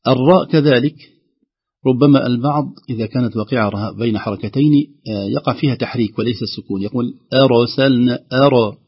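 Husky fast-talking man teaching recitation. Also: medium pitch, highs cut off. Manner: explains carefully, slowly demonstrating words aloud. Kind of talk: radio explanation of recitation rules.

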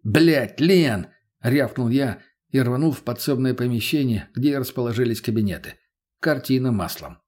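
A man's voice: medium pitch, brisk, a little mellow. A man narrating an audiobook in the first person, in a blunt, crude, matter-of-fact manner. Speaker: audiobook reader.

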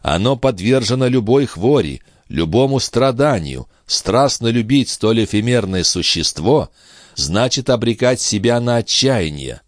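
A man reading an older male doctor in an audiobook, measured and gently lecturing. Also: mid-range voice, expressive, dry recording, clean studio sound, pitched above the performer's own voice, natural voice. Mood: solemn.

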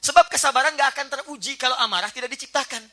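A man giving a lively sermon as a preacher, joking and acting out small household scenes. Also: very high voice, racing. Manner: animated, jokey, acts out little household scenes. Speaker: Islamic preacher. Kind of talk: lively sermon to a live audience.

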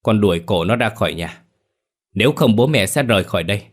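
Man voicing a spiteful mother-in-law, fast, insistent, audio story. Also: lowish voice, animated, slightly rough. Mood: demanding.

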